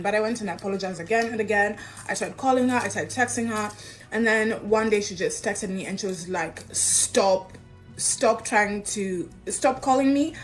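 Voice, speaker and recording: A young woman telling her own story in an expressive way, acting out the dialogue. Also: poor audio. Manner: expressive, acts out quoted dialogue with big pitch jumps. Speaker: interviewee recounting a personal story. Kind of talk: animated personal storytelling.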